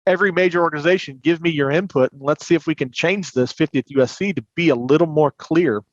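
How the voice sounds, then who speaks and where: On muffled, roomy audio, a fast-talking man with a voice on the high side speaks as an expert interview guest. He is a credit union compliance and recovery manager on a podcast, explaining things earnestly and conversationally.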